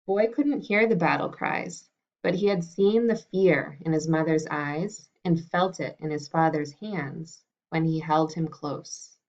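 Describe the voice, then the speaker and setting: A woman teacher talking to fifth graders and reading a picture book aloud in a friendly, unhurried way. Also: low voice, darkish tone. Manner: friendly and unhurried, with some fillers. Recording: dull lo-fi recording.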